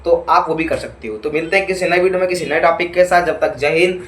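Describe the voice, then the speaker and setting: A man's voice: on the high side, quick pace, a bit bright. A man from India with an Indian accent, teaching a YouTube lesson and often asking rhetorical questions and checking with an "okay?". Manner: mixes in short English phrases. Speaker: English teacher. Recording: echoey room.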